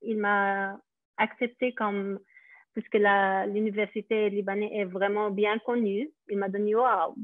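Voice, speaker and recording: The speaker has a mid-range voice with no echo, heard through tinny, phone-like video call audio. She is a middle-aged Lebanese woman who runs a daycare centre, and her Arabic accent colors a hesitant, filler-heavy personal testimony given during a webinar.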